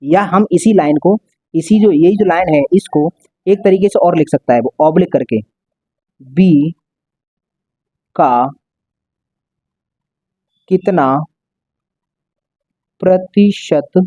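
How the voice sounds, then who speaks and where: A man's voice: on the high side, moderate pace, dark tone, husky, dry recording, highs cut off. A male maths teacher explaining a lesson step by step, repeating and stretching out key words.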